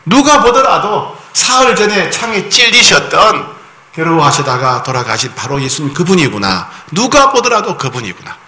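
Male pastor, sermon, very bright tone, lively pitch, asks the congregation questions, slow solemn scripture reading. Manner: acts out quoted voices with pitch jumps.

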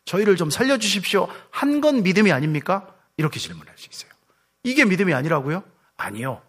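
A man's voice: a little high, wildly swooping pitch, fast. A male pastor preaching a sermon, asking rhetorical questions and dropping his voice at the ends of phrases.

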